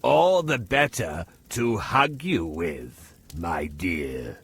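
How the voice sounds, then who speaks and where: An actor voicing a sly storybook wolf who poses as a grandmother, gruff and husky, coaxing with menace. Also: low-pitched, expressive, drawn-out words, fairly bright tone, exaggerated voice. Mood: sly, menacing. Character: sly big bad wolf posing as a grandmother. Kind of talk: children's storybook acting.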